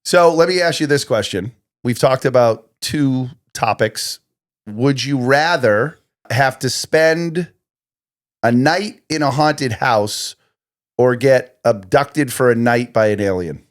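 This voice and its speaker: A man's voice: medium pitch, slow pace. A man hosting a casual podcast, playfully questioning and teasing his co-hosts. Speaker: podcast host. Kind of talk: casual chat.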